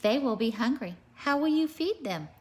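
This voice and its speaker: A woman's voice: high-pitched, lively intonation, normal speed, voice pushed up. A woman voicing a practical mother who questions her young son in a storybook reading. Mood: questioning, concerned. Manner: questioning, pointed.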